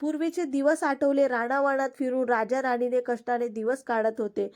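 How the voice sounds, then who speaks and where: A woman vlogger narrating a devotional folk tale in a steady, simple recital. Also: sits high, moderate pace. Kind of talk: storytelling narration.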